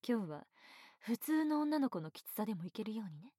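A woman voicing a teasing, domineering female teacher in a whispered roleplay, speaking in a soft, breathy, bossy way. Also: on the high side, very animated, brisk, dry recording, studio quality. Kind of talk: erotic ASMR roleplay.

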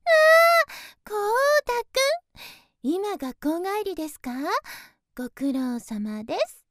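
A woman's voice: high-pitched, big pitch swings, unhurried, warm tone, no echo, clean studio sound, exaggerated voice. A woman voicing a naive, sheltered young woman who speaks in very polite, airy, innocent formal speech, in a one-sided voice drama. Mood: sweet, naive.

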